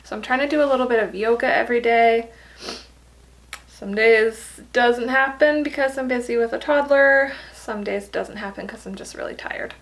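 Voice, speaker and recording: A woman's voice: fairly high pitch, moderate pace, low-quality recording. A tired, pregnant young woman giving a casual vlog update, chatty and laughing often. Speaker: vlogger.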